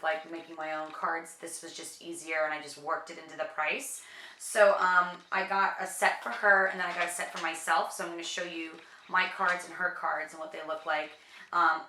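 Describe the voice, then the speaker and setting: A woman's voice: on the low side, bright, forceful tone, a little hiss or hum. Chatty young woman vlogging from her studio. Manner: chatty, rambling, many fillers. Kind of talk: casual studio vlog chat.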